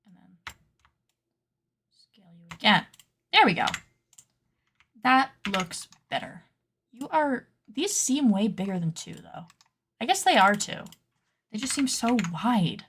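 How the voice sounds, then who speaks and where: A woman streaming casually while she works at a computer, playfully dramatic as she scolds her sewing patterns out loud. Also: medium pitch, big pitch swings, slow pace, long pauses, a little hiss or hum. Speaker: cosplay pattern maker and streamer. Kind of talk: casual livestream chat while working at a computer.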